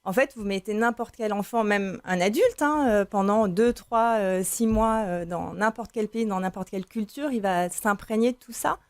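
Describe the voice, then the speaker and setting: Mom chatting as a tv guest, goes on at length, lots of euh, dry sound. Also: female voice, medium pitch, moderate pace, few pauses, no echo. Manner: lively, talkative, with many fillers. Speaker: parent guest. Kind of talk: TV interview.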